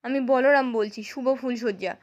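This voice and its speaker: An earnest young man reacts with shock and disgust, as a woman narrator reads him. The voice is high. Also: normal speed, a little mellow, lo-fi sound, close to an everyday voice. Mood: appalled.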